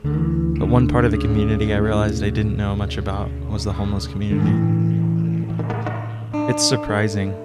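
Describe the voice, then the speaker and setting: A man's voice: on the low side, fairly even intonation, moderate pace, long pauses. A young male student reading a reflective, scripted documentary narration. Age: young adult. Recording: voice-over over loud guitar music.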